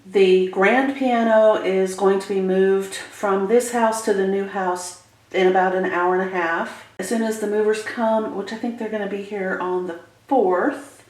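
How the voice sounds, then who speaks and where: A woman's voice: medium pitch, darkish tone. A woman chatting casually and informally to her viewers in a rambling home vlog, indoors in a house. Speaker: vlogger. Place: indoors, emptied rooms of a house. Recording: echoey empty room.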